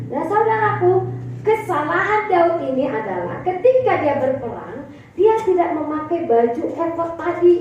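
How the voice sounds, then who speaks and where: A woman's voice: sits high, a little mellow, slight background noise. A woman pastor preaching a sermon, repeatedly addressing the congregation as "my brothers and sisters" and recounting a pastoral story. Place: church sanctuary. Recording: far-off echoey church hall, dull sound.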